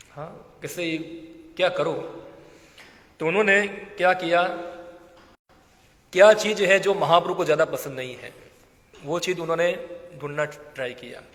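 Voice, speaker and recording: Male preacher, storytelling sermon, slightly high voice, roomy reverberant hall. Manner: lively storyteller, acts out quoted voices, laughs often. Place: temple hall. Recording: echoey hall with long reverb.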